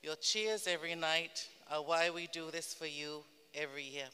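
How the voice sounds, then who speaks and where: A woman reading a formal, measured thank-you speech from a stage lectern. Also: deep voice, steady tone, bright, forceful tone, smooth. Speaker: pageant speaker giving closing remarks. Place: indoor stage at a large event. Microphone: stand microphone at a lectern. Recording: echoey hall PA, long reverb.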